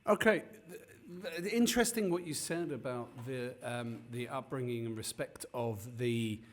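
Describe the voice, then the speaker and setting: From Cape Town, a podcast host interviews someone over a video call, chatting in a friendly, rambling manner with many restarts. His voice is medium-pitched and measured in pace.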